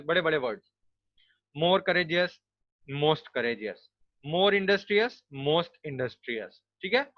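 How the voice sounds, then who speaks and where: A man's voice: a little high, no echo. A man teaching a grammar lesson, explaining step by step and spelling words out letter by letter. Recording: dull, lo-fi dry recording.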